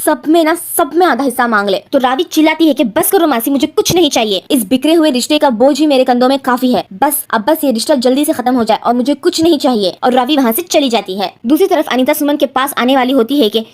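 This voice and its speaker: Woman, high voice, recap storytelling, relays dialogue line by line. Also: fast, hardly any pauses, a little mellow. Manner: recounts every line of dialogue in turn, lightly acting the quoted lines. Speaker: narrator retelling a TV episode.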